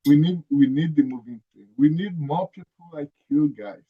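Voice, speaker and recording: A Nigerian-accented man with a slightly high, husky voice speaks at a moderate pace as a guest in a conversational interview on a video call. He talks earnestly and emphatically, often repeating his phrases, and the call audio is dull and lo-fi.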